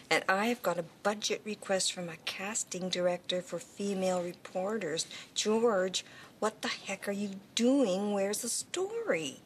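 A woman's voice: medium pitch, slight background noise, lightly acted. An actress playing a blunt, exasperated woman news boss who scolds. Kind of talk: scripted comedy series acting.

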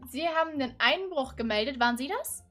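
A woman's voice: sits high, animated, a little fast, a bit bright, faint music behind. A woman in her twenties doing casual, improvised role-play as a police officer in a game, talking in a conversational, hesitant way. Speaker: gamer playing a police officer.

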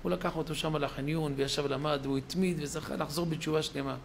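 Rabbi telling a story in shul, gravelly voice a bit high, acts out all the dialogue. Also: male voice, fairly even intonation, slight background noise. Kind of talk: storytelling sermon. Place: synagogue.

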